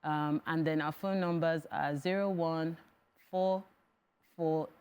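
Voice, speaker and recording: Woman, Nigerian accent, deep register, interview guest, advisory, explanatory. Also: fairly even intonation, slow pace, a little mellow, smooth. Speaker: financial firm executive, interview guest.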